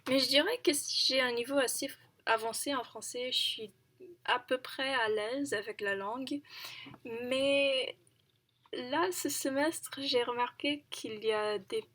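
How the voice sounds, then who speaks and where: A young woman with a somewhat high voice talks in a casual vlog monologue. She is not a native speaker and thinks aloud in a chatty, self-conscious way. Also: measured pace, fairly bright tone. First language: not French. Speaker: language learner.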